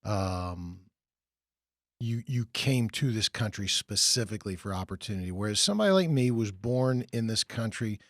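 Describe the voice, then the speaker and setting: This male podcast host has a lowish, animated voice with a slightly bright quality, delivered at moderate pace in a dry, studio-quality recording. After a scripted opening narration, his interview questions wander loosely, with frequent fillers and false starts.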